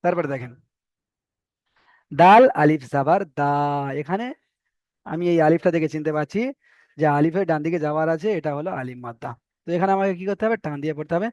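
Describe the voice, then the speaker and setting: A man's voice: on the high side, racing, a little mellow, dry recording. A man teaching an online Quran reading class, patiently repeating letters and vowel marks so students can copy his pronunciation. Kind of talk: online Arabic reading lesson.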